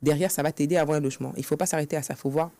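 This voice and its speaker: A woman's voice: sits low, steady tone, very fast, dark tone. A woman guest telling her own story in an interview, earnest and acting out past conversations, recorded on a podcast studio set. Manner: earnest, acts out past dialogue. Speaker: guest author.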